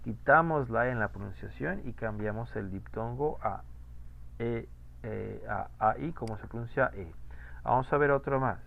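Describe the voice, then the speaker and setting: A man's voice: medium pitch, normal speed, vocal fry, phone-quality sound, a little hiss or hum. A man teaching French pronunciation in an online class, patiently repeating rules and asking students questions.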